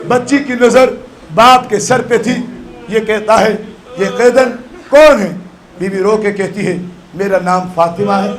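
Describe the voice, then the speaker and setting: A man with a Pakistani Urdu accent preaching a mourning sermon at a house gathering, wailing in a sung lament with rising cries. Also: sits high. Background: crowd of mourners.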